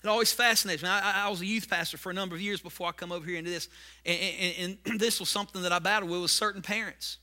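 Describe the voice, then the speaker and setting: A man preaching a sermon as pastor, with repetitive points that build to loud emphasis. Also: high voice, steady tone, very fast.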